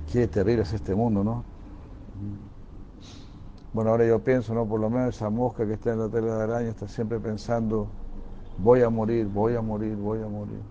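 A man delivers a sermon in a mellow, relaxed voice. He tells stories and repeats phrases for emphasis. The recording sounds dull and lo-fi, with faint noise behind it. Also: fairly low pitch. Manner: storytelling, emphatic repetition. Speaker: preacher.

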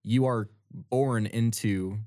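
A man's voice: on the low side, slow pace, mellow, no room sound, studio quality. A young American man co-hosting a podcast, talking earnestly about politics and often stumbling over repeated words. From United States. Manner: earnest, repeats words when starting thoughts. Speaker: podcast co-host. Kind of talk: casual political discussion.

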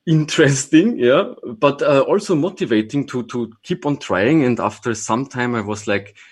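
As a podcast guest, a man who trains and consults, and whose first language is German, talks in a relaxed, casual way, thinking aloud with restarts and small laughs. His voice has medium pitch, a moderate pace, and a breathy edge.

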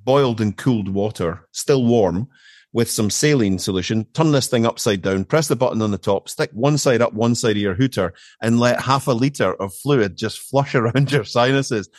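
A middle-aged British man, a guest in an interview, chats casually and tells anecdotes with emphatic repetition and colloquial asides. His voice is medium-pitched at a moderate pace, recorded cleanly in a studio without echo.

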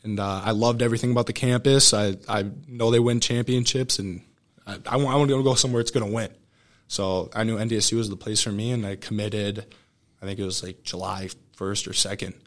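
A man's voice: lowish voice, steady tone, brisk. A young American man, a student athlete, telling earnest, informal, rambling anecdotes as a guest in a casual interview. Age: young adult.

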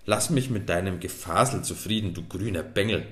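A man's voice: low-pitched, animated, normal speed. Man doing a grumpy scornful tall man. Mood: angry. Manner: gruff and scolding. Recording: echoey room.

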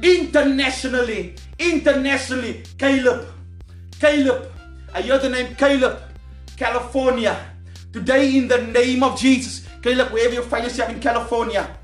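Very high voice, prophetic preacher, fervent, commanding, insistent repetition, echoey sound. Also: moderate pace. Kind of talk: charismatic prophetic sermon and prayer. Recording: echoey sound with music behind. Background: music.

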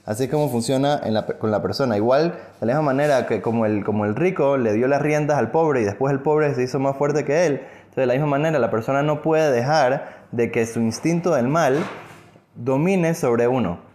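A man's voice: medium pitch, brisk, darkish tone. A man giving a conversational religious lesson, asking and answering his own questions as he explains a parable. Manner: conversational, many fillers and restarts, asks and answers own questions. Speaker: religious teacher.

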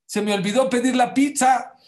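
A man voicing a playful male schoolteacher who fakes a phone call and keeps insisting, in a lively, mock-innocent way. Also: very high-pitched, normal speed, pitched above the performer's own voice. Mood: cheerful.

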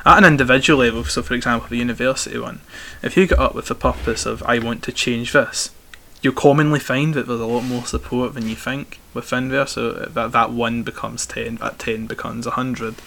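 A man's voice: mid-range voice, fairly even intonation, brisk, gravelly, hardly any pauses, pushed and bright, a little hiss or hum. A young man with a broad Scottish accent from Glasgow, answering interview questions in a talkative, conversational way, often repeating the starts of his phrases. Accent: strong Glaswegian. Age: young adult.

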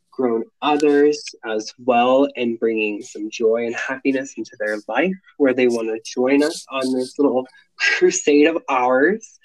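A man's voice: medium pitch, low-quality recording. A man in his late twenties co-hosting a casual podcast, rambling and restarting sentences with plenty of enthusiasm. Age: late 20s. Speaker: podcast co-host.

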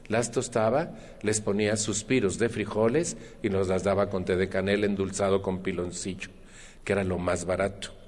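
A man with a Mexican accent giving a personal testimony at a support group meeting, chatting with the room, often asking questions and using earthy slang. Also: on the low side. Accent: Mexican Spanish. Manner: conversational, asks the audience questions.

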